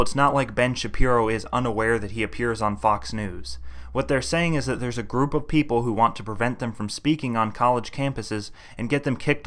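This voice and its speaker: A man's voice: medium pitch, a bit bright. A man reading a scripted political commentary in a scornful, combative tone, freely insulting his opponents. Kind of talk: scripted commentary video essay.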